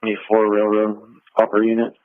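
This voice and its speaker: A man's voice: fairly low pitch, monotone, normal speed, no room sound. A man talking over a police radio as an officer, using brief codes and acknowledgements. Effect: police radio transmission. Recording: tinny dry radio transmission.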